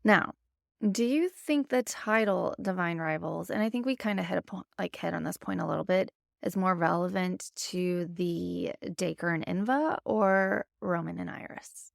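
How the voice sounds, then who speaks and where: A woman's voice: on the low side, normal speed, gravelly, dry recording, clean studio sound. A woman co-hosting a casual book discussion, asking questions and readily agreeing. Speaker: book club podcast co-host.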